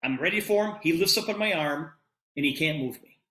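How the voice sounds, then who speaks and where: A middle-aged man giving an animated storytelling sales presentation, acting out the dialogue of what happened. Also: a little high, fairly quick. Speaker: presenter promoting a product. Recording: roomy echo.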